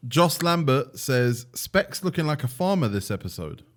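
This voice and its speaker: A man hosting a podcast, reading viewer comments aloud in a dry, measured way. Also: mid-range voice, big pitch swings. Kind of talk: casual chat.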